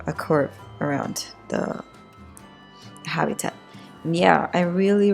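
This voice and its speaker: Low, raspy woman narrating over music. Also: darkish tone. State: raspy voice today. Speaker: video game build narrator. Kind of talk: casual voice-over commentary on a game build. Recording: music behind the voice. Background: background music.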